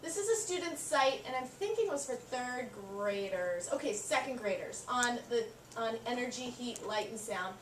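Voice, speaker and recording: A woman's voice: a little high, expressive, moderate pace, hardly any pauses. A woman college instructor teaching a class in an upbeat, encouraging way. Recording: echoey classroom, mic far off, noisy.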